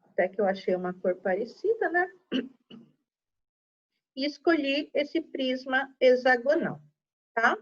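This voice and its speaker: A woman's voice: high voice, lively intonation, a little slow, pauses often, dull audio. A woman teacher with a Brazilian Portuguese accent giving a patient, step-by-step math lesson to children, checking in after each point.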